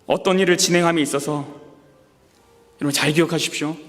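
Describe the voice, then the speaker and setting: High-voiced man preaching in reverb. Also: quick pace, faint music behind. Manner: animated preaching, acting out God's words with rising pitch. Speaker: pastor. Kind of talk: sermon. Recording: long hall reverb.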